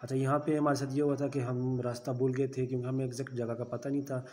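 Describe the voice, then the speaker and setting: A man's voice: medium pitch, flat delivery, fast, dark tone. A man giving a casual travel voice-over, chatty and full of route tips for viewers. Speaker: travel vlogger.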